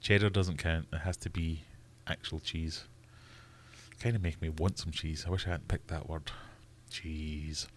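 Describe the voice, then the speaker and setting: With an extremely low pitch and a steady tone, a Scottish livestream host chats at a measured pace, laughs often and reads viewer comments aloud. A little hiss or hum runs under the recording.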